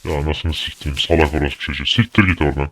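A young man giving angry gameplay commentary, swearing and shouting at the game in a fury. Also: rumbling low, fairly even intonation, rapid-fire, slight background noise. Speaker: gaming YouTuber.

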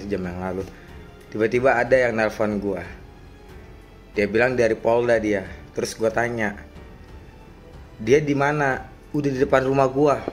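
A young man telling his complaint in a casual, slangy, agitated way. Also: medium pitch. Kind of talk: casual vlog-style account.

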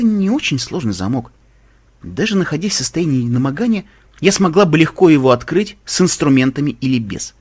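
A man reading a first-person audiobook in an expressive, emotional way. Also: a little high, husky. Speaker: audiobook reader.

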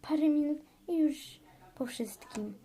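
A child playing a calm young husband during pretend play, gently reassuring his wife. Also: high voice, measured pace. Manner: reassuring, gentle, make-believe.

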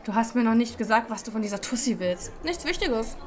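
A woman's voice: fairly high pitch, animated, a little fast. A woman hosting a let's-play, reading a dating game aloud and voicing every character, playful and laughing at her own slips.

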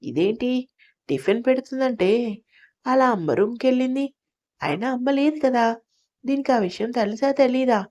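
A woman's voice: a little high, expressive, normal speed, long pauses, a little mellow. A woman doing a curt, offhand young husband. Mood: grumbling. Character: busy young husband, mildly irritable. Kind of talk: audio story reading.

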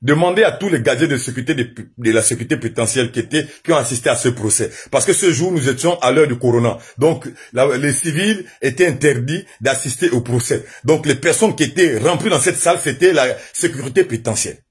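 A man from Gabon with a Gabonese French accent, loudly and emphatically telling the story of his detention and trial. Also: mid-range voice, expressive, fairly quick, hardly any pauses, slightly rough. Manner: loud, emphatic, says his voice is naturally loud, laughs while telling. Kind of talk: animated personal storytelling to an audience.

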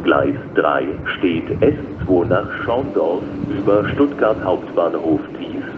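A man working as a railway station announcer, reading flat, scripted platform announcements in a measured, formal way. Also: deep voice. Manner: measured, formal, flat delivery in set phrases. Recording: dull lo-fi recording with loud station noise.

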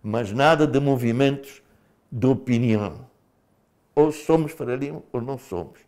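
An older man from Mozambique, once a liberation fighter, tells his story to a TV interviewer. He speaks animatedly, at a middle pitch, often tossing in casual fillers. It sounds like a lapel mic in a studio. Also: a little slow, darkish tone. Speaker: former liberation fighter, guest.

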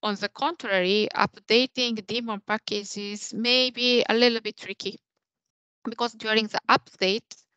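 A young woman presents a live software demo over a video call from a small indoor room, going step by step. Her medium-pitched voice is sharp, clear and resonant. There's no echo, but the recording is low quality.

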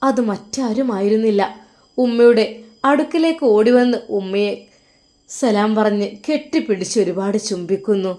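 Brief: woman narrator with a Malappuram Malayalam accent, expressive storytelling, mid-pitched voice. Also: normal speed. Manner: lively, dramatic storytelling delivery.

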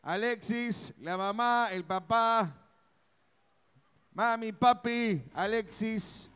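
Male Argentine festival co-host, high-pitched, relaxed pace, jokey crowd banter. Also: extremely slow, clear, resonant tone. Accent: Argentine Spanish. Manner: playful, teasing, chatty. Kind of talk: joking live stage banter. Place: outdoor festival stage.

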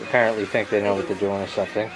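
Filming his own plumbing repair, a homeowner gives a rambling, casual walkthrough full of free swearing and crude, wry humor. His lowish voice stays level and moves very fast, and the poor audio carries crowd noise.

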